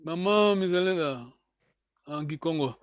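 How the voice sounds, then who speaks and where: Brief: male teacher on a video call, high voice, unhurried and halting, dull dry lo-fi audio. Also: no room sound. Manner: patient, hesitant, many pauses and fillers. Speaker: language teacher. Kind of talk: online language lesson.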